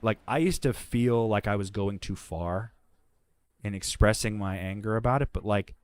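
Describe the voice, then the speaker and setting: A man's voice: fairly low pitch, moderate pace, no room sound. Blunt, profane male guest, dry sound. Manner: blunt, profane, animated storyteller. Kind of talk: casual conversation, candid storytelling.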